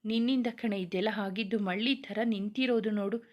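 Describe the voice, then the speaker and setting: A woman reading the lines of a calm, reasoning older father in a storybook tale. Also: mid-range voice, moderate pace, lightly acted.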